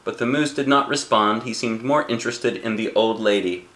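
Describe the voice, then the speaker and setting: A middle-aged man reading aloud to a child as a dad would, playful and expressive, with chatty asides and questions. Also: fairly low pitch, normal speed. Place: small living room indoors. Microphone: camera a short distance away.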